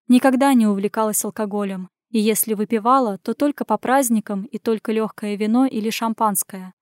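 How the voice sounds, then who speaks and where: A woman narrating a first-person audiobook in a steady, expressive reading. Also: a little high, no room sound, studio quality. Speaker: audiobook reader.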